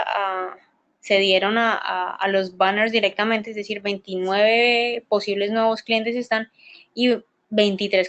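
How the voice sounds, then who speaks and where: A woman speaking at a conference in a middle-range voice. She explains her points step by step, often stumbles and restarts, and keeps asking the audience for agreement with short tag questions. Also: medium pitch. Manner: hesitant, repeats words and restarts often. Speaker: conference presenter. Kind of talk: explanatory presentation talk.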